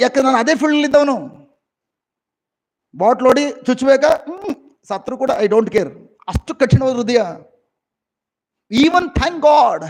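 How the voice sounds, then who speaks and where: High-voiced emotional Kannada man preaching. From India. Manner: emotional, swings between loud exclaiming and quiet musing. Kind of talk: sermon.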